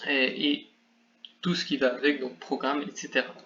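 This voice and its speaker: A man's voice: medium pitch, flat delivery, normal speed, gravelly, pushed and bright. A man hosting a video game guide, methodically explaining a game skill over slides with a lightly self-mocking touch. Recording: dull lo-fi recording, faint background noise.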